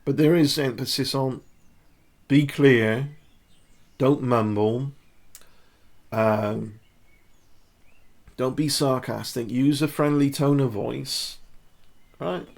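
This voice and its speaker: A man's voice: mid-range voice, takes it slowly, vocal fry, pauses often, darkish tone. A man giving casual body-language commentary to camera, talking the viewer through poses and demonstrations.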